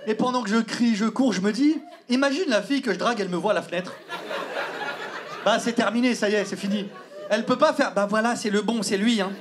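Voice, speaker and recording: A young man telling a stand-up story on stage, animated, acting out voices and sometimes shouting. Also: sits high, fast talker. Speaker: stand-up comedian. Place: theater stage before a live audience. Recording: live show with loud laughing crowd and noise.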